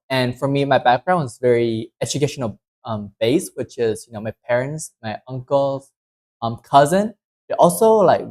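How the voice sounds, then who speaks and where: A man from southern Vietnam speaks English as he co-presents a workshop. He talks earnestly, looping back on his phrases and leaning on "you know" and "like." His pitch stays at an ordinary middle level. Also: darkish tone. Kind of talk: casual workshop talk.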